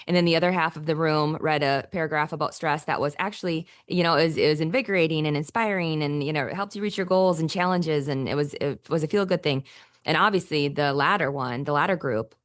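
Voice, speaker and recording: A woman's voice: low voice, fast, no echo, studio quality. A woman co-hosting a podcast as a counselor, chatting upbeat and rambling with many fillers and restarts. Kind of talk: casual podcast chat.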